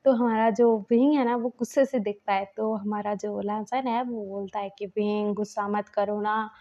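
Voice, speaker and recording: A woman casually narrating a fan-fiction story, chatty and full of fillers. Her voice sits a little high but sounds soft and mellow. The home recording is dull and lo-fi. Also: fairly even intonation, moderate pace.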